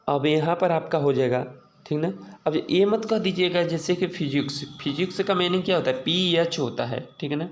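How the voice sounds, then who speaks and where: A man's voice: a little high, a little mellow. A man giving a casual, patient lesson to his students, repeating his tag questions often and writing as he explains. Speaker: teacher. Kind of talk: casual classroom-style lesson. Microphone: recording while writing on a board or page.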